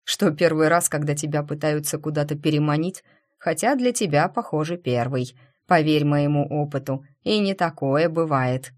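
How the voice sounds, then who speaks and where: Confident, calm male bandmate; woman voices him. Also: low voice, moderate pace, natural voice. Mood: reassuring. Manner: reassuring, steady.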